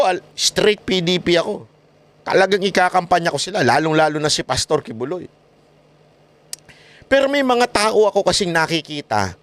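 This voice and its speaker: A man from the Philippines talks through political commentary on his vlog. His voice sits high and swings up and down constantly. He mocks his critics and breaks into laughter. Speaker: political vlogger.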